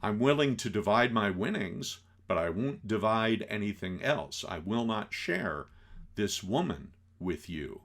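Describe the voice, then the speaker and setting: A man explaining an old film scene by scene in a casual lecture, acting out the characters' lines and filling pauses with "you know". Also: fairly low pitch. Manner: animated, acts out quotes, many fillers.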